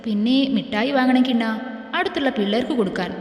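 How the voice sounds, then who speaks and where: A woman's voice: a little high, fast talker, a little mellow, natural voice. A woman voicing a playful, pouting young wife in a storybook reading, with a long echo around her voice. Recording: echoey room with long reverb.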